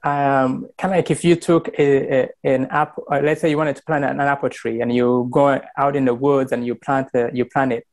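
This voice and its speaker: A man's voice: medium pitch, little pitch movement, fairly quick, hardly any pauses, a little mellow. A young man from Rwanda sharing his faith story over a video call, earnest and full of fillers and restarts, speaking into a wired earbud mic in a small room. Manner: earnest, many fillers and restarts, gestures while talking. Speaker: church member sharing testimony. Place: small indoor room with plain wall.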